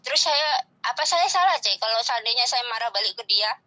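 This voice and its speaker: A woman's voice: on the high side, brisk, rough recording. A woman from Indonesia, a migrant domestic worker, telling her story casually and acting out the dialogue. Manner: animated, acts out quoted dialogue.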